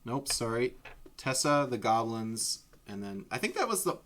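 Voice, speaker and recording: A man's voice: medium pitch, very animated, moderate pace, heavy background noise. A man running a live tabletop game as dungeon master, talking casually and rambling through restarts and fillers.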